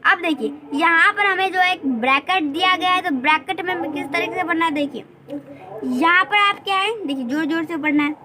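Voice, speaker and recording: A woman teaching English, reading sentences slowly and deliberately, then explaining them. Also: very high-pitched, bright, forceful tone, poor audio. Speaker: English tutor. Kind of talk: bilingual classroom explanation.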